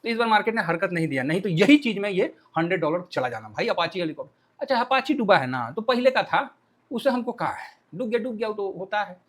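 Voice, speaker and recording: A man with a fairly high voice runs through the day's market news in a loose, chatty way. He jokes, asks himself questions and plays out the headlines as he goes. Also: fast. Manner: joking, colloquial, full of rhetorical questions; lively, playfully acts out the news. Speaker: stock market analyst. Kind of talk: casual market commentary.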